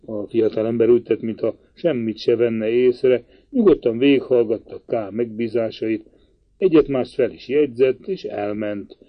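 A man narrating a literary audiobook in a measured, even reading voice. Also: medium pitch, dull audio. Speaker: audiobook reader.

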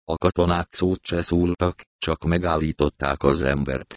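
Deep-voiced male audiobook narrator. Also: steady tone.

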